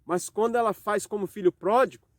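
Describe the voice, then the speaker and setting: A man with a Brazilian Portuguese accent preaching a home worship sermon, reading scripture slowly and posing rhetorical questions. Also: high voice, no echo.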